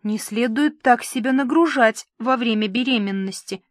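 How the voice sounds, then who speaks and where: A woman's voice: on the high side, normal speed, dry recording, clean studio sound, lightly acted. A woman reading aloud, voicing a prim, disapproving mother who corrects her daughter.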